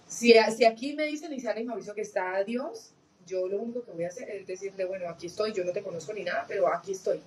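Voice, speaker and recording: A woman telling her personal testimony in an earnest, reflective way, often pausing with fillers and restarting her sentences. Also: mid-range voice, a little mellow, rough recording. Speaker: guest giving a testimony.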